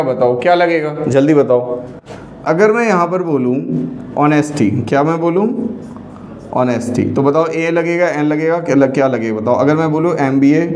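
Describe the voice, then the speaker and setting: A man's voice: on the high side, a little mellow. A man teaching an online grammar lesson, quizzing his students with repeated questions. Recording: echoey room with faint noise.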